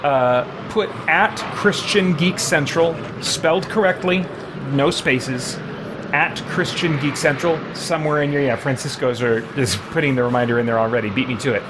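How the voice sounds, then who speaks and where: A man with a slightly high voice live-streams a video game at a moderate pace, casually chatting with viewers and thinking out loud while he plays. Game ambience comes through clearly in the background.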